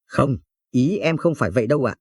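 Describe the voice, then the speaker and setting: A man's voice: medium pitch, expressive, brisk, husky, no echo, studio quality. A man voicing a young wife who keeps apologizing to her husband, in a pleading manner.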